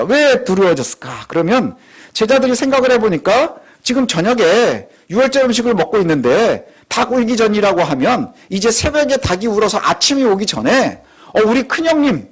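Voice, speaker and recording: A male pastor delivers a sermon with a high, very animated voice that swings widely in pitch. He talks conversationally and emphatically, throws in rhetorical questions and often fills in with "예". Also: breathy edge.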